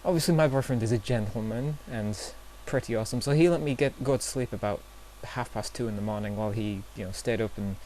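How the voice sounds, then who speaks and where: A man's voice: lowish voice, fast talker, hardly any pauses, warm tone, slight background noise. A young man vlogging in a casual, self-deprecating way, telling awkward stories with nervous fillers. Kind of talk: casual storytelling vlog.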